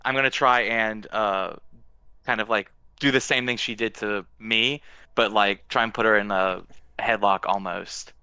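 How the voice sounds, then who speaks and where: Young man with a smooth bright voice. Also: fairly low pitch, steady tone, a little slow, dry recording. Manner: casual, hesitant, asks rule questions. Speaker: player. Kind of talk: casual tabletop play.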